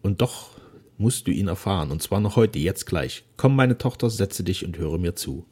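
A man voices an ailing old nobleman father, speaking in formal, old-fashioned language with solemn weariness and a mood of solemn remorse. His low voice is husky and a little mellow, with lively intonation at a normal speed.

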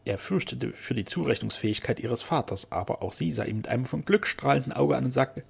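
A man reading a novel aloud as a narrator, telling the story in a dramatic, expressive manner. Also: mid-range voice, brisk, gravelly, slightly rough. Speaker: audiobook reader. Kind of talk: scripted narration.

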